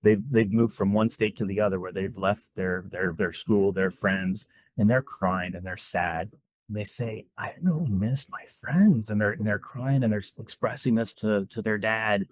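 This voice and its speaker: A man's voice: fairly low pitch, fairly even intonation, normal speed, no echo. A man who is a podcast guest, explaining ideas earnestly through stories in a conversational interview, close to the mic. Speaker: guest speaker, debriefer of fieldworkers.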